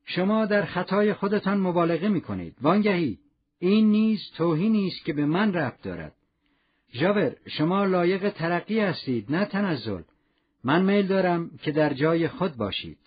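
A man voicing a dignified, kindly male mayor who speaks calmly and courteously in an audiobook. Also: sits high, breathy edge, heavily acted. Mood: calm, firm. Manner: calm, courteous, authoritative. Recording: dull lo-fi audio.

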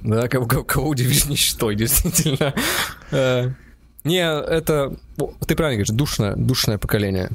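A man in his thirties co-hosting a casual comedic chat, ironic and jokey. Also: fairly quick. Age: 30s. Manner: ironic, jokey, big pitch swings when joking. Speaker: podcast co-host.

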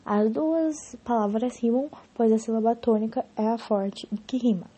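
A woman casually explaining poetry in a spoken lesson, correcting herself and slowing down to stress example words. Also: a little high, dark tone, breathy edge.

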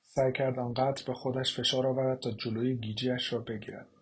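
Male audiobook narrator, husky tone, measured reading. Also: mid-range voice, little pitch movement. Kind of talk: scripted narration.

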